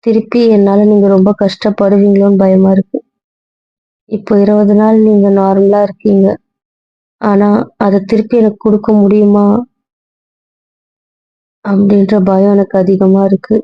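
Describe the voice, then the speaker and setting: A woman's voice: medium pitch, completely flat delivery, moderate pace, long pauses, no echo, close to an everyday voice. A young woman playing an anxious, guilt-ridden young wife who pleads and apologizes over and over, in a Tamil audio drama role-play. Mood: fearful. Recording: dull lo-fi recording, dry.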